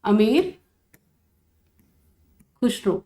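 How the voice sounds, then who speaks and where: A woman's voice: a little high, lively intonation, drawn-out words, warm tone. A woman teaching an online exam-prep lesson, asking questions aloud and repeating key answers with stress for her students. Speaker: Hindi teacher for exam preparation.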